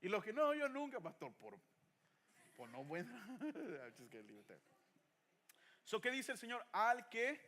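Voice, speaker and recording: High-voiced preaching pastor. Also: male voice, a bit bright. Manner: preaching with rhetorical questions, mixing in English phrases. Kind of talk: sermon.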